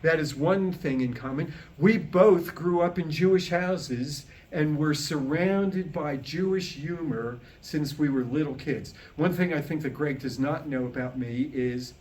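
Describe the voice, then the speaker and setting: An older man, 60s or beyond, acts as emcee at a podium before a small live audience, introducing the show with folksy humor and casual back-and-forth with the listeners. His voice is a little high and a little mellow, moving slightly slowly with few pauses. The recording is rough.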